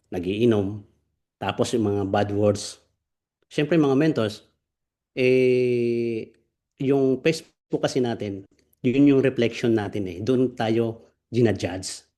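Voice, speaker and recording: Brief: man, mid-range voice, energetic online business mentor streaming live to his students. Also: mid-range voice. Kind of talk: live online training session.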